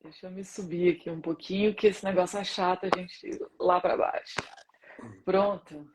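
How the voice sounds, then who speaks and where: A woman's voice: fairly low pitch, steady tone, moderate pace, background noise. A woman hosting a live video stream from her home, chatting casually with her guest and laughing often. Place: at home in Canada.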